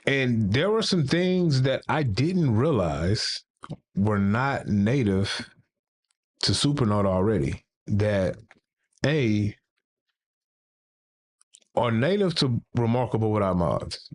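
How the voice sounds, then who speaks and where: A man's voice: fairly low pitch, expressive, slow, long pauses. A man hosting a casual tech livestream, rambling and playful and often restarting his sentences. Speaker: livestream host.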